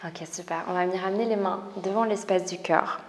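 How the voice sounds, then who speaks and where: Calm French yoga teacher, whispered cues. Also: female voice, on the low side, brisk. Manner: soft, calm cueing of breath, often whispered. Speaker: yoga teacher and spiritual coach. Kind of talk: guided yoga class instruction. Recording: roomy echo with long reverb, faint background noise.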